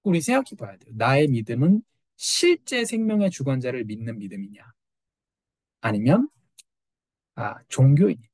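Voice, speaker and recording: A middle-aged male pastor preaching a sermon, animated and full of rhetorical questions. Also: medium pitch, moderate pace, long pauses, no room sound.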